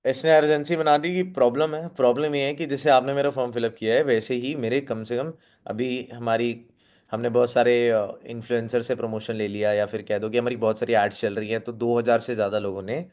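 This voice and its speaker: A man in mid pitch leads a spoken sales-skills training in front of a seated audience. He coaches his listeners and keeps checking in with a quick 'okay?'. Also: steady tone, darkish tone, lo-fi sound. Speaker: team trainer.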